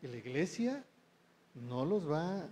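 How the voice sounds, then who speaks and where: A man preaching, unhurried and measured. His voice sits a little high for a man yet sounds mellow and soft-edged. He keeps turning to the congregation with short questions. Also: very animated, slight background noise. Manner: slow, addresses the congregation with rhetorical questions. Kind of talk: sermon.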